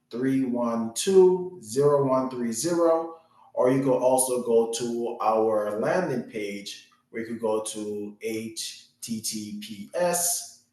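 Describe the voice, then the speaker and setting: A man from Jamaica delivers an earnest, motivational talk on family finances, often repeating himself and leaning on "you know." His voice sits at a middle pitch. The sound is very echoey, as if recorded in a bare room. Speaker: financial educator. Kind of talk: webinar-style presentation.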